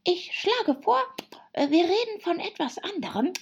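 A woman's voice: sits high, lively intonation, gravelly, highs cut off, voice pushed up. Woman doing a bored, yawning March Hare. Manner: yawning, drawn-out, whiny. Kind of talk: audiobook character voice.

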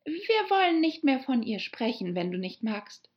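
A woman's voice: high-pitched, sing-song, measured pace, dull audio, voice pushed up. A woman voicing an eager, polite young girl who chatters on apologetically.

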